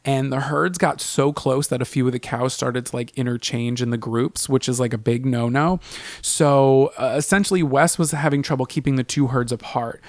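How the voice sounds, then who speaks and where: A man's voice: mid-range voice, fairly even intonation, moderate pace, no room sound. Profane, rambling podcast storyteller man. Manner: profane, rambling, full of 'like' and 'uh'. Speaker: podcast co-host. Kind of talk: casual comedic history storytelling.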